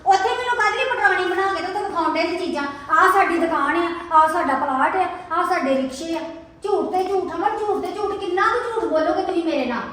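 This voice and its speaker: A very high, sharp voice of an angry young wife, played by a woman, scolding again and again. She is picked up from a distance in a strongly echoing room, with faint noise behind. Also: fast talker. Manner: reproachful, sharp, repeats herself. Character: angry young wife confronting her lying husband. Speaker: wife in a family drama.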